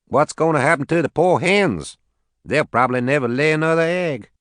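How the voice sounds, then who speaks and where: A man's voice: fairly high pitch, lively intonation, moderate pace, a bit bright, no room sound, clean studio sound, voice pushed up. A man doing a crude Southern farmer. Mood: folksy. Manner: crude, blunt, folksy cursing. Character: rough-talking male farmer from the rural American South.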